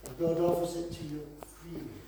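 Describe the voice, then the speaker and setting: Earnest preacher in an echoey hall. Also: male voice, a little high, fairly even intonation, moderate pace, noisy background. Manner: earnest, emphatic repetition. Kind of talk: sermon. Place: gathering of a small congregation, streamed online. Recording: very echoey room, voice from far off.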